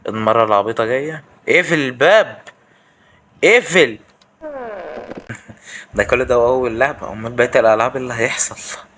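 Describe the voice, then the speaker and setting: A man's voice: mid-range voice, normal speed, pauses often, a bit bright, slight background noise. A man with an Egyptian accent giving casual, jokey let's-play commentary, chatting straight to his viewers. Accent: Egyptian Arabic. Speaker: gaming YouTuber.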